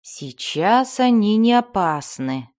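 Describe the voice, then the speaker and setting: A woman voicing a powerful male wizard who speaks slowly and in a measured, commanding way. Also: medium pitch, sing-song, darkish tone. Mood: patient.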